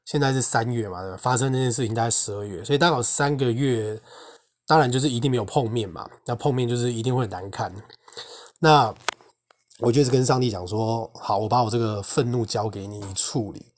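Fast-talking young Taiwanese man. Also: mid-range voice. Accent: Taiwanese Mandarin. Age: young adult. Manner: indignant, animated storytelling. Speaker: podcast host. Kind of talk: casual personal testimony monologue.

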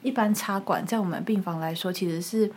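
This is a woman co-hosting a relaxed podcast. Her voice is a little husky and she speaks quickly, throwing in frequent reactions and quips. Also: medium pitch. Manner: responsive, frequent short reactions and jokes. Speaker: podcast co-host. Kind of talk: casual chat.

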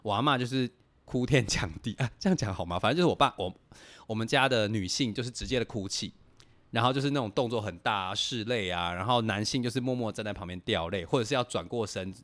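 A young man telling personal stories on a casual podcast, animated and laughing as he talks. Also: lowish voice, quick pace. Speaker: podcast host. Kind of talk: casual storytelling chat.

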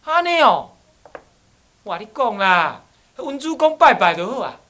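A man's voice: very high voice, very animated, a little slow, bright, forceful tone, voice pushed up, heavily acted. A man voicing a chatty, kindly old woman who speaks with a Taiwanese Hokkien accent and coaxes in a sing-song way. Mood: coaxing.

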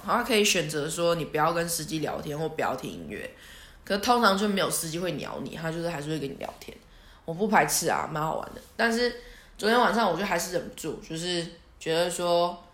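A woman's voice: fairly low pitch, fairly bright tone. Chatty young woman in a roomy space. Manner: chatty, self-mocking, many fillers. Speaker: podcast host. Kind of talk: casual storytelling monologue. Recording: echoey room.

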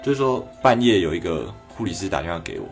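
Low-voiced Taiwanese man giving reflective advice. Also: very animated, fast, creaky, faint music behind. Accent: Taiwanese Mandarin. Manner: reflective, conversational, acting out quoted people. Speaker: doctor. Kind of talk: livestream advice talk.

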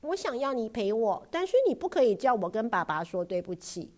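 A woman voicing a stubborn, sulky little girl who protests loudly in a high voice. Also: very animated, fairly quick. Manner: loud, protesting, high-pitched.

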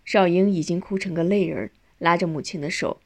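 A woman narrating a family story in measured audiobook style. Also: fairly low pitch.

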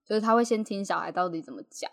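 A woman with a Taiwanese Mandarin accent, co-hosting a podcast and telling childhood stories in an animated way, laughing often. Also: mid-range voice, rapid-fire, gravelly. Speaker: podcast co-host. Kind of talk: casual chat.

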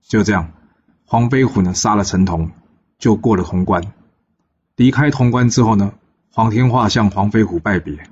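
A man telling a classic tale in a casual, chatty way, with frequent filler pauses, on a dull lo-fi recording. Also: lowish voice, darkish tone, breathy edge. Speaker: storyteller. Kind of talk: casual oral storytelling.

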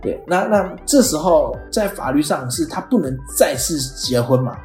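A podcast host, explaining ideas step by step in a casual lecture, often filling pauses with "哦" and acting out example dialogue. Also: medium pitch, lively intonation, a little mellow. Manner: explains step by step, frequent "哦" fillers, acts out quoted lines. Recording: roomy echo with faint background music.

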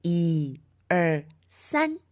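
A woman reading a picture book to children in an animated manner, often addressing them directly. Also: lowish voice, extremely slow. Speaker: storyteller.

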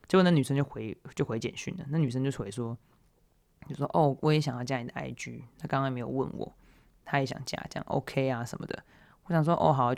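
A young man hosts a solo podcast and tells his own awkward stories. He talks casually, with an animated, self-mocking delivery. His voice sits in an ordinary middle pitch. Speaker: podcast host.

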